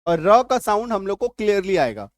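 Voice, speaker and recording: A man teaching English spelling and pronunciation in Hindi, going slowly, repeating words and often checking whether his viewers understood. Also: high-pitched, sing-song, dry recording. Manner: slow and repetitive, often checking that viewers follow. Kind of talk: spoken Hindi spelling lesson.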